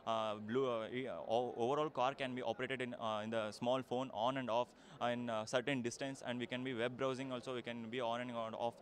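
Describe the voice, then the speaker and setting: A young man, a student interviewed outdoors on a handheld mic, speaking haltingly with many fillers. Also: mid-range voice, flat delivery. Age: young adult. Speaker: engineering student. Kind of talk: on-camera news interview. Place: outdoors on a college campus. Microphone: handheld news mic.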